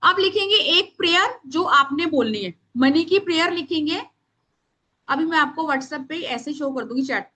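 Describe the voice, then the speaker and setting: A woman teaching a live online workshop over a video call, naming participants and dictating affirmations slowly for them to write down. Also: high voice, expressive, sharp tone.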